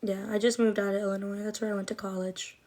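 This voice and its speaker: Chatting on a livestream and responding to comments, this twenty-something woman rambles with lots of fillers like "like" and "um." Her medium-pitched voice is warm but flat in delivery, her pace quick, with a slight lisp and difficulty pronouncing R sounds.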